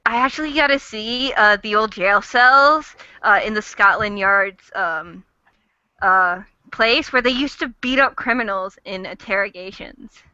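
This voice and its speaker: A woman's voice: mid-range voice, a little slow, pushed and bright, clear, resonant tone, no echo. Bubbly woman hosting a lo-fi voice chat. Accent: Michigan American. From Michigan, USA. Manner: bubbly, chatty, rambling. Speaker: fan chat host. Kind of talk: casual online voice chat. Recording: lo-fi voice chat audio.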